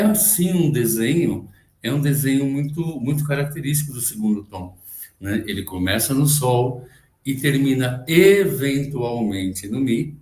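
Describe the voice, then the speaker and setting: A man's voice: medium pitch, darkish tone, reverberant. A man teaches Byzantine chant on a video call, explaining and tagging his points with frequent questions, now and then chanting a short phrase. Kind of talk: online music lecture with sung examples.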